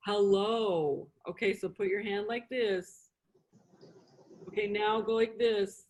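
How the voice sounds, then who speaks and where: A middle-aged woman with a medium-pitched, slightly mellow voice speaks slowly as she gives an informal lesson for beginners. A native English speaker who works as a sign language interpreter and instructor, she explains in short, simple steps, repeating herself and asking questions to check in.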